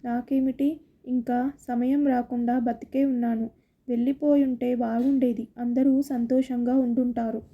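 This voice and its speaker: A woman's voice: on the high side, level tone, unhurried, narrow, tinny audio. A woman reading a story aloud, voicing a hurt, resentful middle-aged mother. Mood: bitter. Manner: resentful, wounded.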